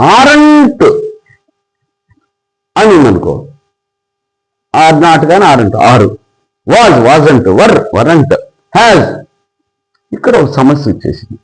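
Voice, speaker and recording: A man's voice: fairly high pitch, low-quality recording. A middle-aged man with a Telugu accent teaching an English grammar lesson, explaining emphatically and drilling word pairs.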